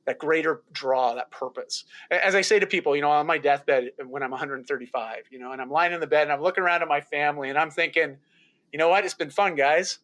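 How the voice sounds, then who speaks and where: Canadian man, energetic guest, bright slightly high voice. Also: quick pace, few pauses. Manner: energetic, laughs often, animated. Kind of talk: casual podcast interview.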